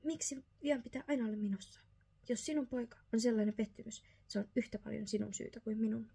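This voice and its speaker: Vain, mocking mother mouse voiced by a woman, whispered role-play storybook, raised and husky. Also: a little high, steady tone, dark tone. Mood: haughty. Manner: haughty, mocking.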